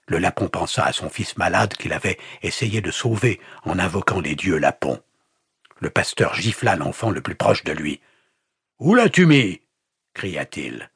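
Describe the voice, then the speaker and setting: A man narrating an audiobook in a measured, grave storytelling manner. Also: low-pitched, vocal fry, fairly bright tone, husky, dry recording, studio quality. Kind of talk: scripted narration. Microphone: close studio mic.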